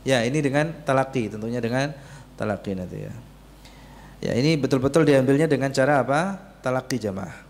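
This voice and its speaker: A man teaching Quran recitation, questioning his class, having them repeat, and chanting Arabic words slowly. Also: medium pitch, darkish tone. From Indonesia. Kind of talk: tajwid lesson with call-and-response. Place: mosque prayer hall. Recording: echoey mosque hall.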